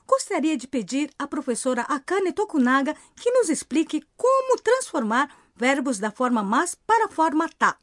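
High, lively woman co-presenter. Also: normal speed, hardly any pauses, dry recording, studio quality. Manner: inquisitive, asking questions. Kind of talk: scripted lesson dialogue.

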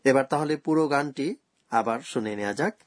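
A man presenting a scripted radio language lesson, explaining grammar rules slowly and carefully. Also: mid-range voice, music in the background.

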